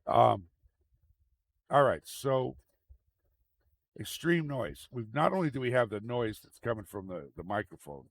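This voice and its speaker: A man giving a casual, unscripted tech demonstration, rambling and repeating himself, with a gravelly voice. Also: medium pitch, animated, a little slow, long pauses. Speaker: tech video host. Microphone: microphone into computer audio mixer. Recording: very noisy microphone with fan noise. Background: fan running.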